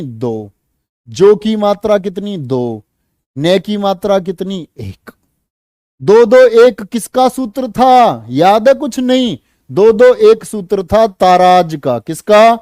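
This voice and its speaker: A man's voice: high-pitched, warm tone, dry recording, clean studio sound. A man teaching a class in Hindi, coaxing pupils with questions he then answers himself and counting syllables aloud. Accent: North Indian Hindi. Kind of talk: classroom lecture.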